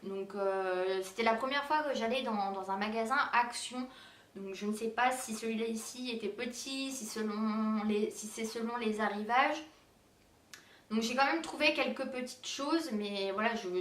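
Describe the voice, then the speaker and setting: Young woman vlogger, halting casual chat, recorded far from the mic. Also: a little high, fairly bright tone. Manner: hesitant, many fillers. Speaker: beauty and decor vlogger. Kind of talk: casual haul video. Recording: roomy echo, distant mic.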